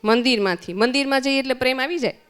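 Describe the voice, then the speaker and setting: In a centre hall, a woman with a Gujarati accent leads an interactive summer camp lesson, asking the children questions and repeating their answers. She speaks fast in a high, clean, slightly bright voice.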